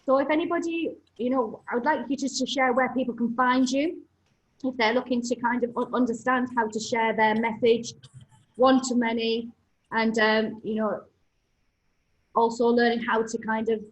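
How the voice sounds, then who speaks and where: A woman's voice: a little high, level tone, normal speed, poor audio. A woman hosting an interview, polite and appreciative, losing her voice a little. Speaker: interviewer host.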